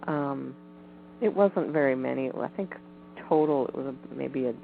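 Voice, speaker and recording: Gravelly woman on a phone line. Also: a bass voice. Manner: measured, hedging, frequent ums. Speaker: guest, Bigfoot researcher. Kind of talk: casual phone interview. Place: home in the woods. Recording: tinny phone line with faint hiss.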